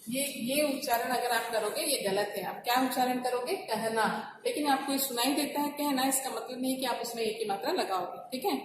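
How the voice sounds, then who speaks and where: Slightly high-voiced woman teaching in an echoey room. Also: a little fast, hardly any pauses, far from the mic, background noise. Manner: explains step by step, asking and answering her own questions. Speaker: Hindi teacher. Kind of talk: classroom lesson on pronunciation.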